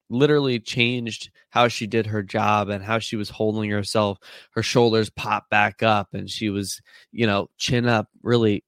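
A man's voice: fairly low pitch, no room sound. A man with a stuffy nose hosting a casual motivational podcast, talking earnestly in a rambling way with lots of fillers. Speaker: podcast host.

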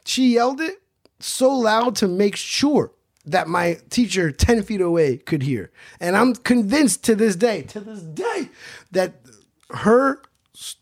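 A man's voice: sits high, sing-song, slow pace, no room sound, studio quality. A man from Queens, New York, hosting a podcast and telling a childhood story in a profane, self-mocking comic way. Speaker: podcast host. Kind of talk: comedic storytelling.

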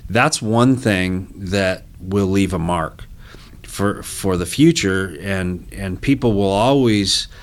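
Low-voiced earnest male executive. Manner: earnest, halting, with many restarts. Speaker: business executive guest. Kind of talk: interview talk.

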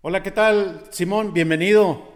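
A man hosting an interview, introducing his guest in a formal, measured way. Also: sits high, fairly even intonation. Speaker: podcast host.

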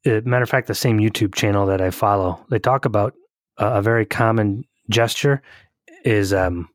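A man's voice: lowish voice, moderate pace, no room sound, clean studio sound. Chatty man co-hosting a podcast. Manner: chatty, rambling with restarts, laughs often. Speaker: podcast co-host. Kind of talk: casual chat.

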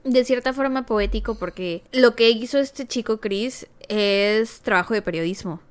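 A woman's voice: on the high side, normal speed. Podcast co-host, woman, Mexican accent, reactive and speculative. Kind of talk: casual true-crime podcast chat.

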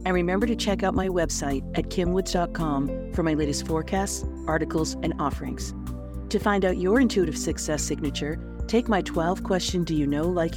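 A woman hosting a solo advice podcast in an upbeat, tidy, encouraging manner, like a coach reading prepared tips. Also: low voice. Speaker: astrology coach and podcast host.

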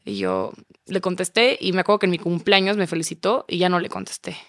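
A woman's voice: lowish voice, quick pace, no echo, studio quality. A young Mexican woman in her twenties, a podcast guest telling a story in casual chat and acting out the quoted lines. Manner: animated, acts out quoted dialogue.

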